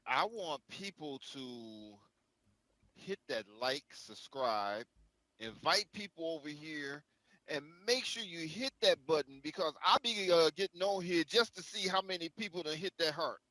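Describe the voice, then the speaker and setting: A man co-hosting a show runs a word-of-the-day segment in casual chat, his fairly high, sharp voice animated yet a little slow. His delivery is exuberant and emphatic; the audio is poor but has no echo.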